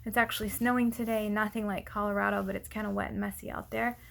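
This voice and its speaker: A woman speaking out of breath in a casual, unscripted personal update, haltingly and often losing her thread. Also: mid-range voice, level tone, vocal fry. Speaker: vlogger giving a personal update.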